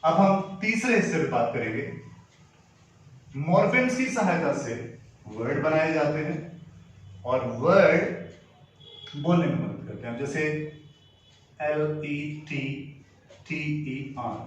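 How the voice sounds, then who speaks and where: A male teacher walks through grammar step by step, spelling words out letter by letter. His voice sits a little high, heard from a distance in a very echoey room with a faint hum of ambience behind. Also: lively intonation, takes it slowly, long pauses. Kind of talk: classroom-style grammar lesson. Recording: very echoey room, voice from far off the mic.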